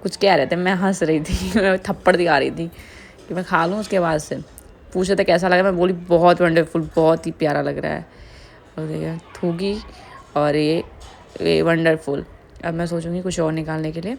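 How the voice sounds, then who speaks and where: A woman's voice: lowish voice, steady tone, normal speed, creaky, a little hiss or hum. Young woman vlogger from India, casual voice-over, chatty, laughs often.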